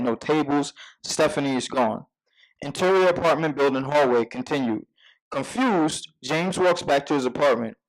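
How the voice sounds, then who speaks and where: At a table read, a man with a rather high voice narrates a screenplay, reading out the scene headings and stage directions as scripted narration. The audio quality is poor.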